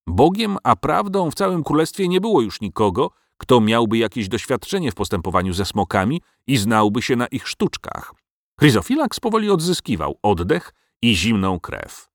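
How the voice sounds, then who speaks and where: A man narrating a storybook audiobook in an expressive, storytelling manner. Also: mid-range voice, normal speed, dry recording, studio quality.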